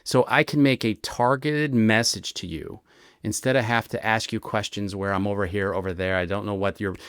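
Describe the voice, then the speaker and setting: A man, a retired American federal agent, explaining his methods in an interview with lively examples and frequent "right?" checks. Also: fairly low pitch, moderate pace, clear, resonant tone, dry recording, studio quality. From United States. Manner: animated storyteller, explains with examples and rhetorical "right?". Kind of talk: conversational explanation.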